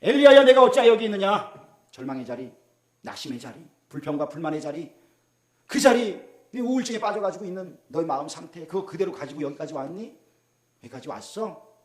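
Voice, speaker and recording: A Korean man preaching as a pastor, swinging between loud exclamations and hushed asides and asking the congregation questions. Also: fairly high pitch, lively intonation, a little fast. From South Korea. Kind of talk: sermon. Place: church sanctuary. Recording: roomy echo of a church hall.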